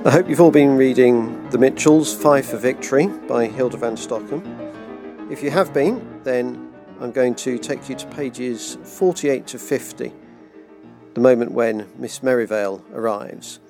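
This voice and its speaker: A man hosting a virtual book club, reading a children's novel aloud in a gentle, measured way. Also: mid-range voice, over music. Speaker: book club host and reader.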